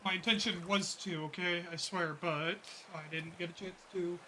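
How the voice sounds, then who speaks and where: Bright-voiced chatty male streamer. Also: high voice, fairly even intonation, moderate pace, slight background noise. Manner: rambling and chatty, with many fillers. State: out of breath. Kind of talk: casual live-stream chat.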